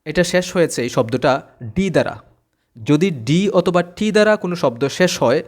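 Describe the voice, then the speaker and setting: A man with a somewhat high, darkish voice gives a slow-paced English pronunciation lesson, patiently saying each word twice.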